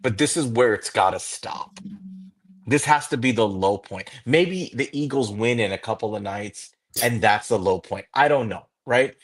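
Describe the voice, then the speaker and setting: A man co-hosting a fan sports podcast, giving an impassioned, profane rant that builds into angry shouting. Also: on the low side, moderate pace. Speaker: podcast co-host.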